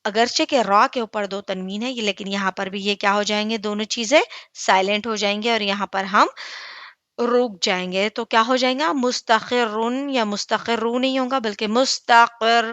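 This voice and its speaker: A woman teaching Quran recitation in an online lesson. She talks patiently, asks her class questions and answers them herself, and draws out recited words very slowly. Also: mid-range voice, steady tone, a bit bright, dry recording, lo-fi sound.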